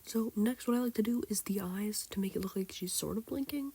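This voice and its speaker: A sick teenage girl with a hoarse, childlike-sounding voice, rambling casually through a drawing tutorial with lots of fillers. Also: medium pitch, fairly quick, mellow, dry recording. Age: teens. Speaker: tutorial maker. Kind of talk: casual screen-recorded tutorial.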